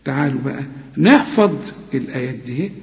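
A man with an Egyptian Arabic accent teaching Quran recitation, correcting pronunciation and repeating words slowly as he demonstrates. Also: mid-range voice, animated, lo-fi sound. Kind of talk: tajweed lesson with slow demonstrations.

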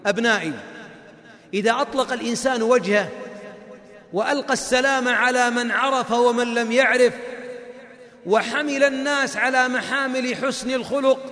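A man's voice: very high-pitched, steady tone, normal speed, pauses often, sharp tone. A man preaching to young students, chanting verses melodically and quizzing the audience. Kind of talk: sermon with quiz for students. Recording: long hall reverb.

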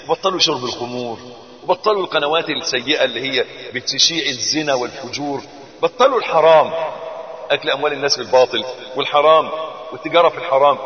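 A man with an Egyptian Arabic accent preaching a sermon, swinging between loud emphasis and soft, gentle tones. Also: mid-range voice. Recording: muffled, with long hall reverb.

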